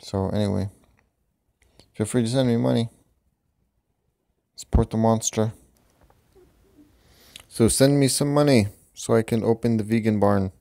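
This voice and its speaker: Over loud music, a male vlogger delivers an unscripted voice-over in a lowish, creaky voice, taking his time with long pauses. His talk is profane and meandering, and he chuckles at his own jokes.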